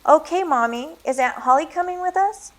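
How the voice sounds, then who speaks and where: A woman reading a storybook, voicing an excited five-year-old boy who pleads in a high, bouncy way. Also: normal speed. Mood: hopeful.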